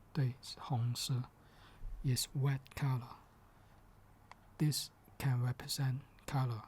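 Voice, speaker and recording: A man performs ASMR in a soft, gentle voice that frequently drops to a whisper, slow-paced and middling in pitch with a level tone. He comes across as patient and slightly hesitant, taking things step by step over faint background noise.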